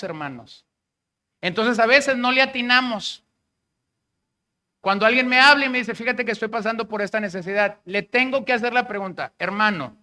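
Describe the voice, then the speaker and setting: A pastor with a Mexican Spanish accent and an extremely high, sharp-toned voice delivers a sermon conversationally, acting out the words of the people he quotes.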